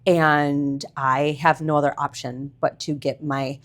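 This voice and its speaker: Low-voiced woman, chatty podcast guest. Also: flat delivery, a little slow. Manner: chatty, heavy filler "like", blunt and swears casually. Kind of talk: candid conversational interview.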